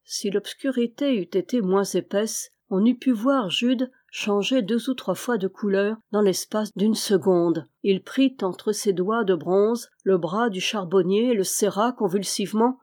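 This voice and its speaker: A woman narrating an adventure novel as an audiobook, steady and clear. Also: medium pitch, measured pace, hardly any pauses. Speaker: audiobook reader. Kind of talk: scripted narration.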